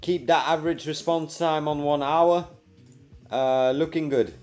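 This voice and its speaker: A young man with a fairly high voice hosts a live coding stream, answering viewers by name in an easygoing, chatty manner. Faint music plays behind him. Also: a little slow, darkish tone. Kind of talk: casual live-stream chat reading viewer comments.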